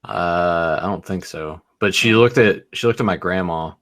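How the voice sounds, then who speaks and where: A man hosts a podcast in casual chat, telling rambling stories, swearing freely and laughing at himself. His voice is low-pitched with a fairly bright tone, at normal speed.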